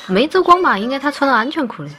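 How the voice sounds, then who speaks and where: A woman's voice: high voice, big pitch swings, fast, bright, forceful tone. A young woman with a Chongqing accent, chatting casually and teasingly with viewers during a livestream. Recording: faint music behind.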